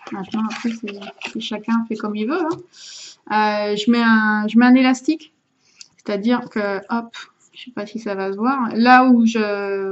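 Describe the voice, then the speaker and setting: A woman's voice: fairly high pitch, dull audio. A woman casually showing and explaining equipment to her viewers, hesitating often with fillers and restarts. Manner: chatty, talks to the viewers while handling objects. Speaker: vlogger showing vaping gear. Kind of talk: casual how-to demonstration.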